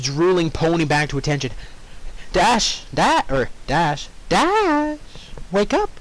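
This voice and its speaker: A man with a mid-range voice reads fan fiction aloud, tossing in casual, jokey ad-libs and drifting off from the story easily. The audio quality is poor.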